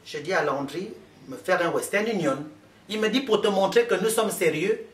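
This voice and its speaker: A man's voice: sits high, normal speed, distant mic. Emphatic man telling his story, echoey room. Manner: emphatic, repetitive storytelling with many fillers. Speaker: speaker addressing journalists. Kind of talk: impassioned spoken testimony.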